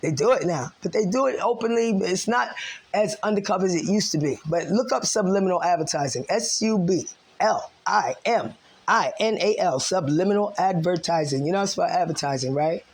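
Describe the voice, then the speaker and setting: A woman's voice: fairly low pitch, expressive, brisk, darkish tone, breathy edge. An American woman venting in a ranting vlog monologue, heated and profane, with many fillers. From United States. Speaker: vlogger.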